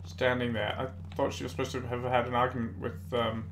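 A man's voice: medium pitch, flat delivery, brisk. A man giving casual, hesitant gameplay commentary as a let's play host, thinking aloud. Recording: voice over loud game ambience noise.

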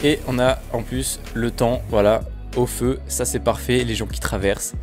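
A man giving casual, joking commentary while playing a bus driving game, with his voice jumping up in pitch when excited. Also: moderate pace, faint music behind. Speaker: gaming video creator.

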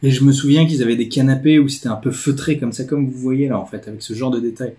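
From a desk in his living room, an animator who hosts videos speaks to camera in a casual, explanatory way. His medium-pitched voice is mellow and steady in tone but quick, with music featuring guitar playing behind it.

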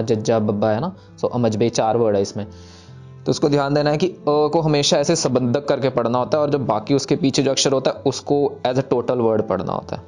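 A man in his younger years gives a patient recitation lesson at an even, middle pitch. He breaks each verse into slow, deliberate syllables and repeats them. Soft music plays faintly beneath his voice. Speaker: teacher of scripture recitation. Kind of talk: step-by-step pronunciation lesson, slow chanted examples.

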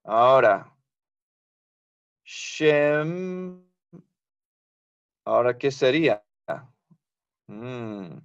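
Male teacher, unhurried, patient class explanations, muffled dry recording. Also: mid-range voice, dry recording. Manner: patient, explains slowly, asks the class for confirmation. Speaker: Biblical Hebrew teacher.

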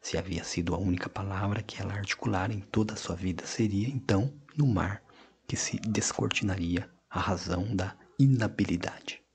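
A man narrating an audiobook of short stories in a measured, expressive reading with hushed passages. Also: low-pitched, husky. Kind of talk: scripted narration.

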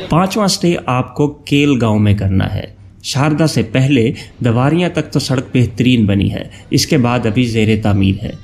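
A man narrates a travel guide in a steady, informative voice-over, working through each stop in turn. His voice sits at an ordinary middle pitch. A faint hiss of noise runs under the recording. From Pakistan. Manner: steady, informative, listing places one by one.

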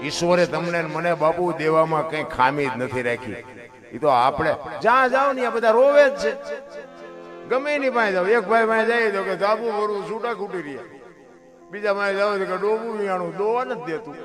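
A middle-aged man with a Kathiawadi Gujarati accent telling folk stories and moral sayings in a folksy manner. He calls his listeners "bapu" and now and then bursts into high, loud exclamations. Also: lively intonation, normal speed, music in the background. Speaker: folk storyteller. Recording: musical accompaniment playing behind the voice.

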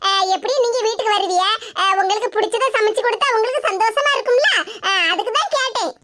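A woman's voice: extremely high pitch, fast talker, a loud crowd. A woman with a Tirunelveli Tamil accent voicing a cheeky young daughter-in-law in a cartoon, who teases in a mocking, sing-song way. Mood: teasing.

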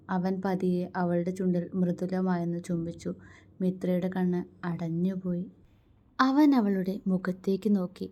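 A woman narrating a romance story aloud in a soft, quiet, even reading voice. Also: lowish voice.

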